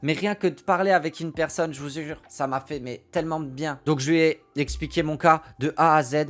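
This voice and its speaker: A man's voice: on the high side, steady tone, fairly quick, soft background music. A young man from France recounting a personal story to his viewers, emphatic and prone to repeating phrases for effect. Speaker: streamer and video creator. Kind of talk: storytelling to camera.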